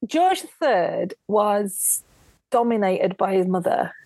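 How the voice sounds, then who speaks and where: A guest author on a casual podcast tells history in a lively way, acting out quotes as she goes. Her voice is medium in pitch and slow, with no room sound.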